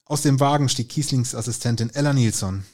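A man narrating a crime story in an even, storytelling manner. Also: medium pitch, brisk. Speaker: audiobook narrator. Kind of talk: scripted narration.

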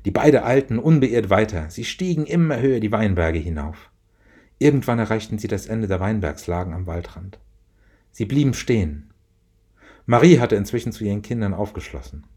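A man narrating a children's story in a calm, even reading manner. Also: lowish voice, moderate pace, breathy edge.

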